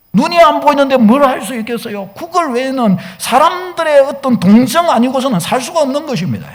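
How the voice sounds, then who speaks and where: Man, pastor, very high voice, emphatic sermon, rhetorical questions. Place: church sanctuary.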